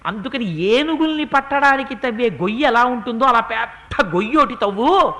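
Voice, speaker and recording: A man voicing a heroic prince who gives his brother calm, steady instructions. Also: very high-pitched, moderate pace, heavily acted. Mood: commanding.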